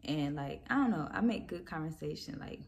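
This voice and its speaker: Low-voiced young woman telling a story. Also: expressive, a little fast, creaky, darkish tone. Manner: loose, rambling, with many fillers and laughs. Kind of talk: casual storytime.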